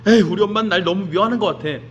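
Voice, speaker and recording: A man's voice: sits high, racing, highs cut off, a little hiss or hum, close to an everyday voice. A man putting on the voice of a naughty young boy whining that his mother hates him. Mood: whiny. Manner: whining, sulky.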